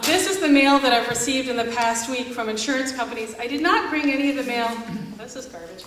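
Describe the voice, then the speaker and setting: In an echoey church hall during a live concert event, a middle-aged American woman gives a sarcastic, exasperated speech to the crowd. She's a family doctor speaking as an activist, and her voice is slightly high with a fairly bright tone. The audio is noisy and recorded from far away.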